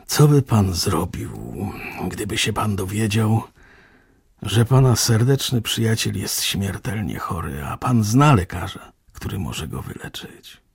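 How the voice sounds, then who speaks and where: A man voicing a young village curate who speaks quietly and pleadingly, half in a whisper, in a read-aloud story. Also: on the low side, lively intonation, unhurried, gravelly, slightly rough, dry recording, clean studio sound, exaggerated voice.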